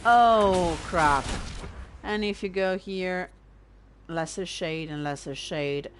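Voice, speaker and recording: A native Italian-speaking woman from Italy, with an Italian accent, hosts a let's-play, casually chatting and thinking aloud in a self-deprecating way as she commentates the game. Her voice sits on the low side and she speaks slowly.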